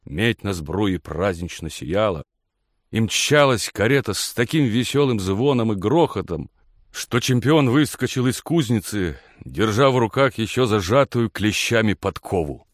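Low male narrator, measured and expressive, dry close recording. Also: dry recording. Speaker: audiobook narrator. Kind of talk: scripted narration.

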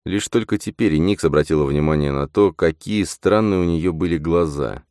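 A man reading a fantasy audiobook as narrator in steady scripted narration. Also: low voice, moderate pace, no echo, studio quality.

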